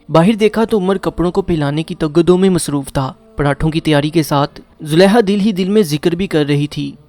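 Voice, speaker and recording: A man narrating a moral story in a measured storytelling voice. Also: fairly high pitch, darkish tone. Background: faint music.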